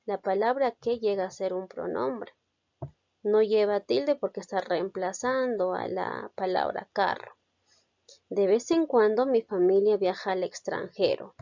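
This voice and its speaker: A woman's voice: medium pitch, dark tone, dry recording, lo-fi sound. A woman giving a recorded grammar lesson, explaining step by step and checking that listeners follow. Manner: explains slowly, checks understanding with "¿ven?". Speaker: teacher.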